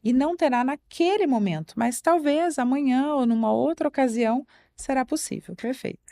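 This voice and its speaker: A woman on a podcast explaining calmly and directly, with rhetorical questions. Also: high-pitched, moderate pace, no echo, studio quality. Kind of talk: podcast conversation.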